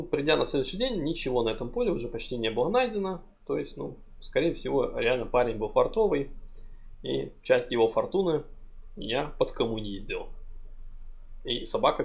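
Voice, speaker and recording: A man's voice: mid-range voice, vocal fry, darkish tone. A man giving an informal, wry voice-over commentary, telling a story casually to his viewers. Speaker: vlog narrator.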